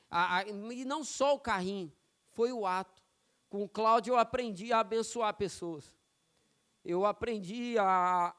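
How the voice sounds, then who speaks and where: A man's voice: high-pitched, smooth. A male pastor from São Paulo preaching a sermon in a church, telling personal stories in a conversational way with frequent tag questions. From São Paulo, Brazil. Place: church sanctuary.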